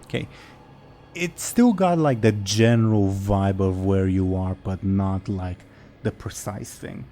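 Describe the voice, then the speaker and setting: A man narrating a tabletop role-playing game as game master, in a casual, halting, improvised way. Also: low voice, mellow, a little hiss or hum.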